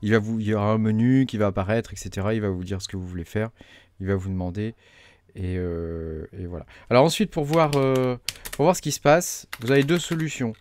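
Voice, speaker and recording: Hesitant man explaining software. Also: on the low side, fairly even intonation, fairly quick. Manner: hesitant, many fillers, thinks aloud while clicking. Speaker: crypto mining tutorial host. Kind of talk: casual screen-recorded tutorial.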